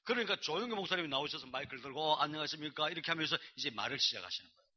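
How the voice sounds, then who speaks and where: A man's voice: a little high, very animated, rapid-fire. A male pastor giving a sermon, telling a story and acting out the dialogue himself. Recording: dull lo-fi sermon recording.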